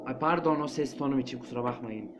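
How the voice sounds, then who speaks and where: A man's voice: sits high, big pitch swings, a little slow, music in the background. A man commentating a horror game as he plays, jumpy and panicky, muttering to himself and yelping. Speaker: gamer playing a horror game. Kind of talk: let's-play commentary. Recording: muffled lo-fi with loud game ambience.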